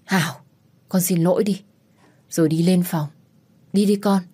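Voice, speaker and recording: A gentle older mother-in-law who pleads to calm a family quarrel, as a woman narrator puts her on. Her tone is soft but insistent, in an audio story. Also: lowish voice, measured pace, husky. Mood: pleading. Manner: pleading, urging.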